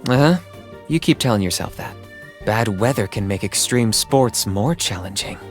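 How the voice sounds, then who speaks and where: A man playing a stoic, businesslike young mercenary in a video game, speaking in a dry, matter-of-fact deadpan. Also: fairly low pitch, normal speed, soft background music, lightly acted. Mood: dry sarcasm. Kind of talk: video game character voice lines.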